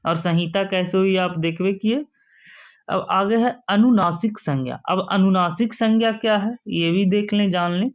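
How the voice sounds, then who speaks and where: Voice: medium pitch, moderate pace. A teacher giving a grammar lesson for exam preparation, who asks the class questions and then answers them himself. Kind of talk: exam-prep lesson explaining rules. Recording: dull lo-fi sound.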